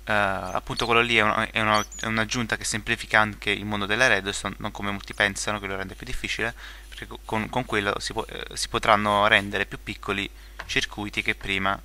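A man's voice: fairly low pitch, level tone, brisk, pushed and bright. A young man giving casual gameplay commentary, rambling with many fillers, restarts and joking asides. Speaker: gaming video creator.

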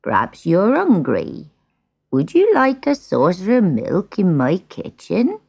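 A kindly old grandfather, a woodcutter, speaks gently and unhurriedly, put on by a woman narrator. Her voice sits lower and gravelly for him. Storybook reading. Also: huge pitch swings, dry recording, muffled recording, exaggerated voice. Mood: gentle. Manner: gentle, slow.

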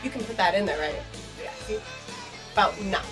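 With music playing underneath, an American woman in her twenties speaks in a medium-pitched, animated, brisk voice. As a channel performer at her computer desk in a small home room, she reads viewer comments and chats with them casually, playful, frank and slightly crude, in a vlog format.

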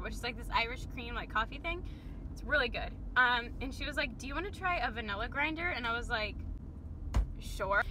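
A woman's voice: a little high, pushed and bright, rough recording. A young woman vlogging from inside her car at night, telling rambling stories in a chatty way full of fillers and asides. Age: young adult. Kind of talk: casual storytelling vlog. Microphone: phone camera mounted near the steering wheel. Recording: road and street noise behind the voice.

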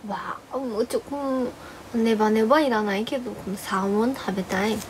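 A hoarse young woman chatting casually on a live stream, bubbly and playful as she thanks viewers for gifts. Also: fairly high pitch, steady tone, background noise. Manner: playful exclamations and cute drawn-out reactions. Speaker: live streamer, former idol.

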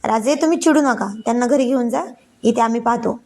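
A woman reading a calm commanding father-in-law. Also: fairly high pitch, brisk, natural voice.

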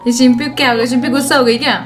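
A woman's voice: high-pitched, steady tone, over loud music. A woman hosting a gaming channel, teasing and laughing through casual game voice chat. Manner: teasing, laughing, quick banter.

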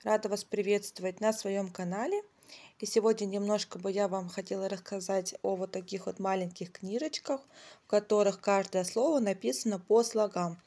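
A woman's voice: medium pitch, steady tone, normal speed, warm tone. A woman reviewing books casually, explaining step by step like a children's tutor. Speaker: children's reading tutor and channel host.

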